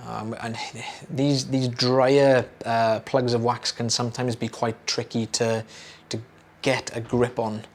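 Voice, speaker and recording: A young British audiologist talks to camera about a procedure, relaxed and chatty, full of fillers and repeated words. His mid-range voice is slightly hoarse, like he's losing it, and he speaks slowly with few pauses.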